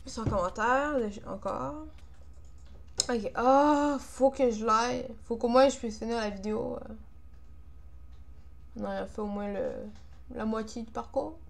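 A young woman with a Quebec French accent comments casually over her own gameplay. Her voice sits a little high. She sounds frustrated, grumbling and swearing about how the game is going. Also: unhurried, vocal fry, pauses often, slight background noise. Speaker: gamer, video creator.

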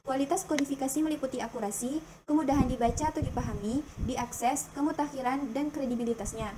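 High-voiced young woman reading slides. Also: fast talker, background noise. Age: young adult. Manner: reads lists at an even, careful pace. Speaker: student presenter.

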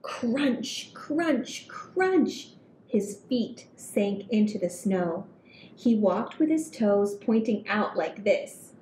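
Through a headset mic, a thirtysomething woman reads a picture book aloud for small children at story hour. Her phrasing is expressive and drawn out. She's at a table in a small indoor room, and the recording picks up a roomy echo and low rumbling noise.

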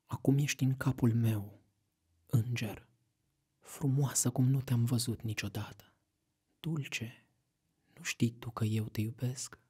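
A dreamy young lover speaks in a hushed, fervent murmur, read by a man. The voice is dark and very husky, and it keeps its breathy softness all the way through, as if pressed close to the listener. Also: medium pitch, fairly even intonation, pauses often. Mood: tender.

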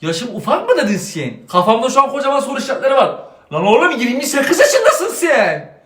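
A man's voice: extremely high pitch, wildly swooping pitch, fairly quick, fairly bright tone, exaggerated voice. A man playing a stern, preachy middle-aged father who scolds his grown son in an exasperated, moralizing way. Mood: scolding. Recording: echoey room, faint music behind.

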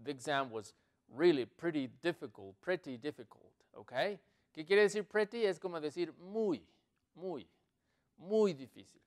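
A man teaching English in an online lesson, explaining slowly and repeating each example sentence. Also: on the high side, animated.

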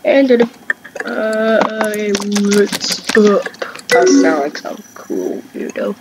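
High-voiced woman narrating a game. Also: lively intonation, takes it slowly, noisy background. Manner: reads chat lines aloud with playful voices. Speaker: gaming channel host. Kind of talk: casual let's-play commentary. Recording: music playing behind the voice.

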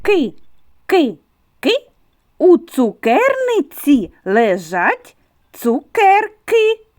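Woman, kindergarten teacher, high voice, very slow rhythmic chanting. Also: sing-song, a little mellow. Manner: slow, sing-song, clearly articulated. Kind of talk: children's speech lesson.

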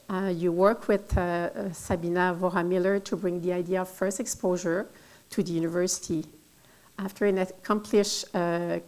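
A middle-aged woman with a French Canadian accent, a native French speaker, giving a formal welcome speech haltingly from notes at a podium. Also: fairly low pitch, darkish tone. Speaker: event speaker, associate dean of research. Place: auditorium at a podium. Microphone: podium microphone.

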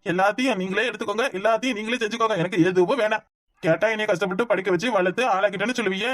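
A man's voice: high voice, very fast, a bit bright, dry recording, studio quality. A man with a Kanyakumari Tamil accent voicing a resentful, drunk young village man in a cartoon, complaining in a self-pitying rant. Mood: aggrieved. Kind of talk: cartoon voice acting.

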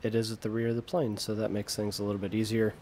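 A young American man with a fairly low voice talks through his gameplay in a loose, laid-back way, joking at his own expense and trailing off mid-thought. A faint low rumble sits under his voice. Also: fast talker. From United States. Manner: relaxed, self-deprecating, trails off mid-sentence. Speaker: gaming video creator. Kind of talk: casual gameplay commentary.

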